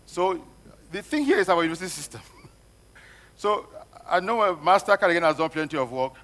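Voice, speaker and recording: Emphatic Cameroonian panel moderator. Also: male voice, high-pitched, animated, a little fast, a bit bright. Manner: emphatic, repeats phrases for effect. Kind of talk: panel discussion.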